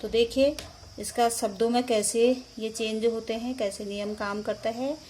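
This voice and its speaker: A woman's voice: on the high side, fairly even intonation, darkish tone, a little hiss or hum. A woman teaching a grammar lesson, explaining rules step by step and correcting herself as she goes. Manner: slow, deliberate explanation with self-corrections.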